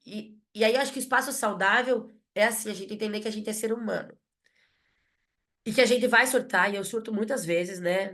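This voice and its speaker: A woman's voice: on the high side, a bit bright. A woman, a mother and psychologist, talking reflectively in a casual podcast chat, often checking in with tag questions.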